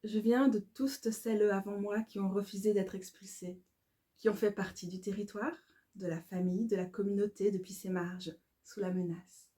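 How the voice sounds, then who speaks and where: A woman, calmly reading her own devotional poetry aloud in a measured, incantatory way. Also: mid-range voice. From Belgium. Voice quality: calm, measured, incantatory delivery.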